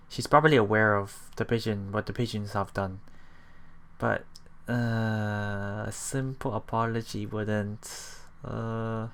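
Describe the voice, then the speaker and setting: A man with a lowish, fairly bright voice hosts a let's play, reading a visual novel aloud and tossing in casual reactions, at times repeating himself. Game music plays behind him, and there's slight background noise.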